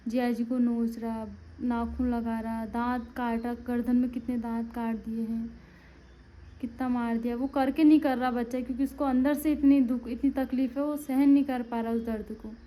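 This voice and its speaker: A woman's voice: on the high side, flat delivery, moderate pace, dark tone, rough recording. A woman with a Pahadi accent chatting to viewers in a casual home vlog, turning to coo at a baby. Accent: Pahadi Hindi. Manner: talks to viewers, then coos to a baby. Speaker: family vlogger. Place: home, indoors.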